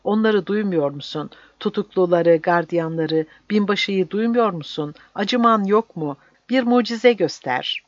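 A narrator voicing a fierce, bearded village priest in his seventies, praying and defying an officer in a raised, higher voice. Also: measured pace, hardly any pauses, dry recording, natural voice. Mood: pleading prayer. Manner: pleading, defiant, raised and higher voice. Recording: dull dry recording.

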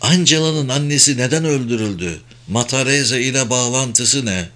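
A man's voice: medium pitch, normal speed, bright, forceful tone, pitched above the performer's own voice, lightly acted. A man voicing an agitated male agent in an urgent, clipped way while reading a novel.

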